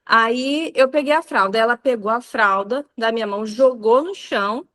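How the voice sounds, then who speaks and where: A woman's voice: fairly high pitch, normal speed, fairly bright tone. A woman in her thirties with a Brazilian Portuguese accent, giving a live talk on parenting in a chatty storytelling way. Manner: conversational storytelling with many fillers. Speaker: parenting speaker. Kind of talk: live talk on child behavior.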